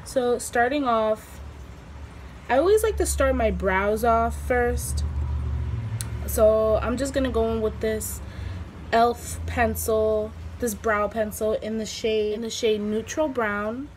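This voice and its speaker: Slow-talking, slightly hoarse woman vlogger. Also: a little high, a little mellow, slight background noise, rough recording. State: slightly hoarse, recovering from lost voice. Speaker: beauty vlogger. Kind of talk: casual makeup tutorial chat.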